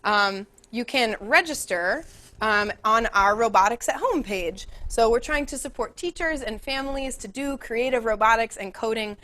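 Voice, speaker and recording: A woman's voice: on the high side, moderate pace, pushed and bright. A young adult woman hosting a live online class in an upbeat, chatty way, laughing often. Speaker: webinar host and educator.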